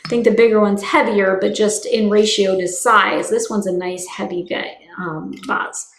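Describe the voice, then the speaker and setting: A woman's voice: medium pitch, steady tone, normal speed, roomy sound. A woman co-hosting a boutique live stream, chatting casually about products with frequent ums. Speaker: boutique co-host.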